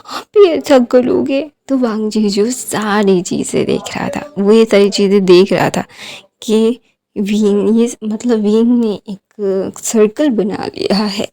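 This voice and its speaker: A woman's voice: medium pitch, fairly even intonation, slow pace, dark tone. A woman casually retelling a fan story, rambling with many fillers and English words mixed in. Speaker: storyteller, channel host.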